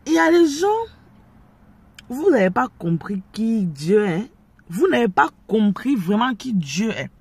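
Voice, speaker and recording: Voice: medium pitch, sing-song, a little slow, vocal fry, darkish tone, breathy edge, dry recording. A speaker with an Ivorian French accent giving preachy, confrontational commentary straight to the viewers. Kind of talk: direct-to-camera commentary.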